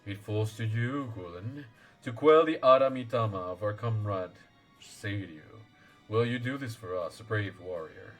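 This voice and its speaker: Ancient turtle guardian for a fantasy game, acted by a man: deep-set, grave, archaic and formal. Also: expressive, measured pace, soft background music. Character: solemn old male turtle guardian, wise and courtly.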